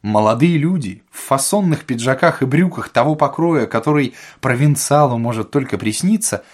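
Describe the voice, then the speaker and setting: A man reads a humorous novel aloud for an audiobook. His telling is expressive and vivid. The voice is husky, and its pitch rises and falls with lively movement. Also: moderate pace. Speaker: narrator.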